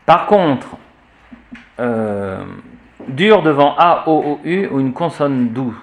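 A man's voice: medium pitch, expressive, slow pace. A man teaching church Latin pronunciation to a class, spelling out letters and repeating example words with frequent hesitations. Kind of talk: classroom lesson.

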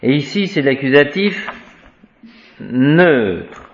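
A man's voice: mid-range voice, very animated, creaky, a little hiss or hum. A man teaching Latin grammar to a class, chanting declensions and explaining word by word. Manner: chants declensions, slow and deliberate. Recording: echoey room, dull lo-fi sound.

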